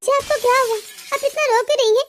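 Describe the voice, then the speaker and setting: A woman voicing a kind, forgiving elder daughter-in-law in a cartoon, gentle and reassuring. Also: extremely high pitch, steady tone, fast, faint music behind. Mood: caring. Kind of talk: cartoon voice acting.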